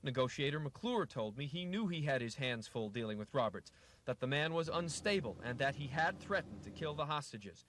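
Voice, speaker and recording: An American man reading scripted television news narration as a reporter, in a measured, formal broadcast delivery. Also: mid-range voice, expressive, a bit bright. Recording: noisy 1980s TV news tape, street noise.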